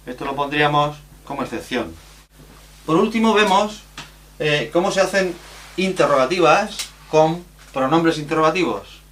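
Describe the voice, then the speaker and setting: A man from teaching a recorded grammar lesson, explaining rules slowly and spelling out letters and examples. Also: on the high side, lively intonation, a bit bright, slight background noise.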